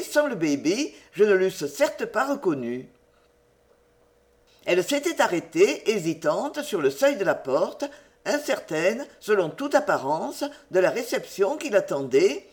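Expressive literary audiobook narrator. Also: medium pitch. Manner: expressive storytelling, varied delivery.

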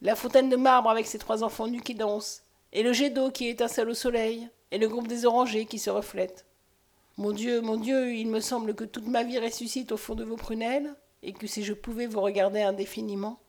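A woman's voice: a little high, flat delivery, fairly quick, darkish tone, close to an everyday voice. An impassioned man haunted by his lost past, read by a woman. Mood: pleading. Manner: earnest, impassioned. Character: haunted man with lost memory, pleading and intense.

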